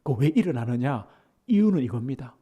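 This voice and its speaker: A man preaching a sermon as pastor. He drops to hushed near-whispers, then rises to loud, emphatic questions. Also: mid-range voice, very animated, husky, narrow, tinny audio. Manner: slow, measured scripture reading.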